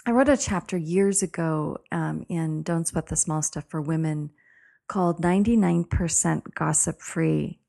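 A woman's voice: sits low, a little slow, creaky, warm tone. A middle-aged woman podcast host talking reflectively in a personal monologue.

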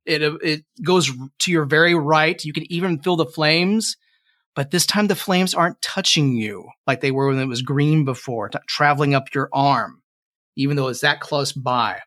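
A young man running a tabletop game as game master, narrating slowly and dramatically with playful asides. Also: a little high, a bit bright.

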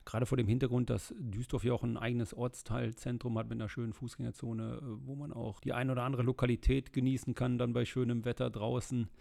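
A middle-aged man from the Rhineland, answering questions in a casual interview, fluent and steady with frequent filler sounds. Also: mid-range voice, quick pace, creaky, hardly any pauses. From Germany, Rhineland. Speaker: interview guest, state politician.

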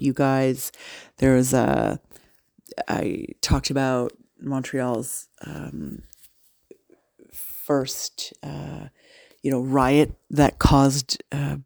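A woman's voice: very deep voice, gravelly, darkish tone, dry recording, clean studio sound. A woman podcast host, recording a casual update on her phone, sounding dejected and rambling with many fillers.

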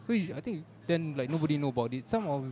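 A man's voice: on the high side, lively intonation, fast talker, mellow. A man with a Singaporean accent chatting casually, using colloquial clipped grammar and Singlish particles. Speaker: podcast co-speaker on beat making. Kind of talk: casual chat. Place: out and about in a public place. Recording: noisy ambience of a public place.

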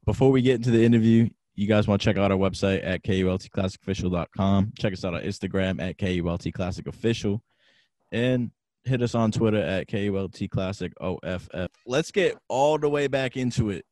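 Young male host, slangy and loose, low voice, dry close sound, video call. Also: fairly quick, a little mellow, dry recording. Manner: slangy, loose, swears casually. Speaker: interviewer, podcast host. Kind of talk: casual interview chat.

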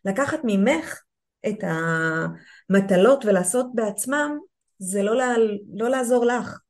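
A woman's voice: mid-range voice, animated. A woman hosting an interview, reflecting back and summing up what her guest says. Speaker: podcast host. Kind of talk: supportive interview.

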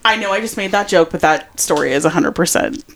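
A woman co-host of a casual podcast spins a personal story. She swears freely and acts out the dialogue with animation. Her voice sits a little low. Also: brisk, a little hiss or hum.

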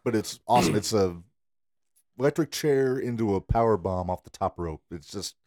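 A man co-hosting a wrestling podcast in casual chat, eager and quick to agree. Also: fairly low pitch, a little mellow, dry recording, clean studio sound. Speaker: podcast co-host.

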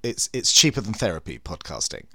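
A man's voice: low voice, big pitch swings, brisk, vocal fry, bright, forceful tone, dry recording. A man co-hosting a podcast in a chatty, bantering way, with a theatrical, campy manner. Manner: theatrical, campy, with endearments like darling. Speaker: podcast co-host.

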